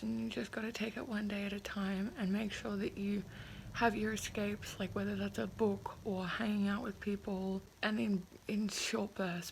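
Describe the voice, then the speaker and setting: A woman's voice: medium pitch, creaky, slight background noise, poor audio. A woman in her twenties talking with a sore, puffy jaw that slightly impedes her speech, in a casual, candid and hesitant video diary. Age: 20s. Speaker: vlogger.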